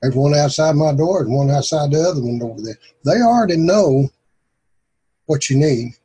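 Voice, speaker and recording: Folksy male group leader, husky breathy voice, casual and easygoing. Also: on the high side, animated, moderate pace, dark tone. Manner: folksy, calls on speakers by name.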